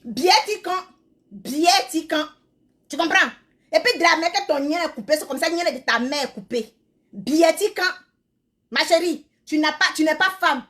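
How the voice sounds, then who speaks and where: A woman delivering a loud, scolding rant full of repeated insults. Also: high voice, normal speed. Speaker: social media creator. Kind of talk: angry insult-filled rant.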